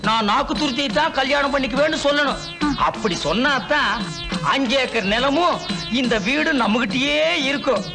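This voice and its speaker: A man playing a cowardly, greedy fake holy man in a film comedy, talking in a shrill, whining way. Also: normal speed. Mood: scheming. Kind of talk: Tamil film comedy acting. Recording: film soundtrack with faint music.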